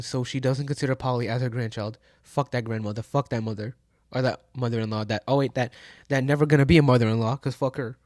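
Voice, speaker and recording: A man's voice: mid-range voice, darkish tone, dry recording, clean studio sound. A man in his twenties giving casual, profane reaction commentary at home, chatty and full of slang. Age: 20s. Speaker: reaction streamer.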